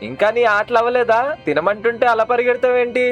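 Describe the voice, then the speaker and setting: Man playing a fast, flustered cartoon uncle. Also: very high voice, steady tone, dull audio, faint music behind. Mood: scolding. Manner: scolding, flustered. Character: excitable fussy uncle looking after kids. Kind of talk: cartoon dub of a game.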